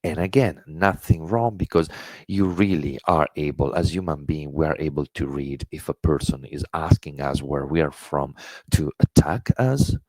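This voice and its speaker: A middle-aged Italian man with an Italian accent speaks in a rumbling low, slightly mellow voice at a moderate pace, with no echo. He's an intercultural education presenter giving an earnest webinar lecture, full of fillers and restarts.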